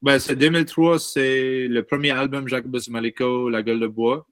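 Here a musician in his thirties, an Acadian French speaker from Baie Sainte-Marie, Nova Scotia, chats casually in an interview, sprinkling English into his French. His mid-range voice moves at normal speed with lively storytelling, and there's no echo.

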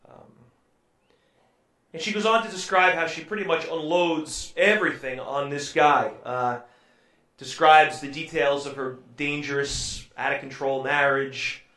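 Higher-voiced pastor in an echoey church. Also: male voice, steady tone, measured pace, pushed and bright. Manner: conversational, with frequent ums and uhs. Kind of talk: sermon storytelling. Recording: echoey room, voice from far off.

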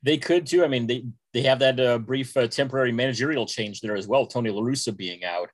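Smooth radio-voiced podcast co-host man. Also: medium pitch, no echo. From Dallas, Texas, US. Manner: smooth radio-announcer delivery, measured. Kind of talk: casual podcast chat.

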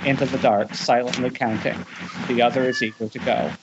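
A man with a steady, brisk, mid-range voice handles the screenplay directions at an informal table read. The session takes place on a remote group Skype call with dull, noisy audio, and he sometimes stumbles and restarts.

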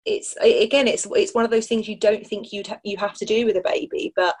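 A woman's voice: medium pitch, fairly even intonation, a little fast, a little mellow. A British woman, a mother, chatting casually and candidly about her own life as a podcast guest. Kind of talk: casual personal chat.

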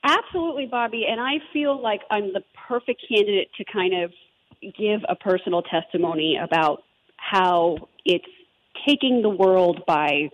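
A woman's voice: medium pitch, normal speed, muffled recording. A woman in her thirties with a New Jersey accent, talking eagerly as an interview guest, full of fillers and asides. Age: 30s. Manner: enthusiastic, rambling with fillers. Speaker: guest, holistic health advocate. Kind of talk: conversational interview.

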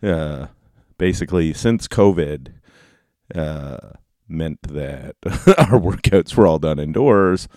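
A man hosting a podcast solo in a casual, rambling way, with halting, informal delivery. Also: very deep voice, animated, darkish tone, dry recording, studio quality. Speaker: podcast host. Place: basement office at home. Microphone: close podcast microphone.

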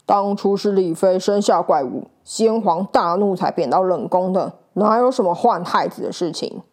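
A woman voicing an arrogant, scheming male palace eunuch who talks back loudly and with threats. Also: on the low side, moderate pace, natural voice. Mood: defiant. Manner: haughty, threatening, loud.

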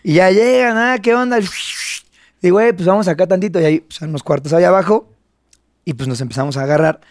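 A man's voice: a little high, fast, a little mellow, no room sound, clean studio sound. A man in his thirties with a Mexican Spanish accent, co-hosting a casual chat and telling a self-mocking story full of slang. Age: 30s.

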